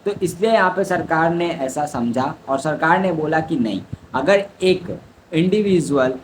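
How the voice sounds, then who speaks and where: A man's voice: on the high side, a little slow, slight background noise, rough recording. A young man tutors exam students in law, explaining step by step and answering his own questions. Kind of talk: exam revision lecture.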